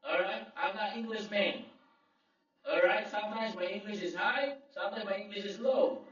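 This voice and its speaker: A male pastor from the Philippines, a native Filipino speaker, preaches a sermon in a high-pitched, fairly bright voice at normal speed, drawing call-and-response amens and delivering emphatic Bible quotes. He is in a large, echoey church hall. The sound is echoey, distant, dull and lo-fi.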